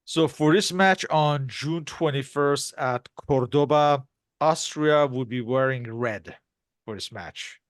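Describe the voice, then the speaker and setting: Man, podcast co-host, slow deliberate delivery, dry close sound, reading stats. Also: a little high, dry recording. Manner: reads lineups and stats in listing fashion. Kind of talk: podcast interview.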